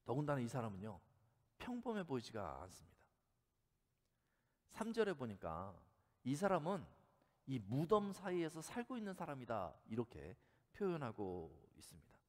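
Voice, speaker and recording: A man's voice: mid-range voice, huge pitch swings, moderate pace, pauses often. A man preaching a sermon as a church pastor, telling a story in a conversational way and asking the congregation questions. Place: church sanctuary. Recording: long hall reverb.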